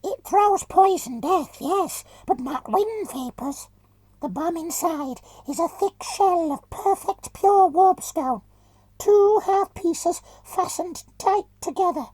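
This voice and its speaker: A shrill, whining ratman engineer, his voice muffled behind a mask and leaping wildly in pitch. He gloats in broken, tumbling grammar. The sound is dry and close. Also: darkish tone, no echo, full character voice. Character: whining masked male ratman engineer, boastful.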